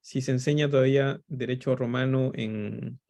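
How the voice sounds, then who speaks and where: A man's voice: mid-range voice, steady tone, normal speed, gravelly, darkish tone. A man with a Peruvian accent talking informally as a university teacher hosting a class. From Peru. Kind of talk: informal lecture talk.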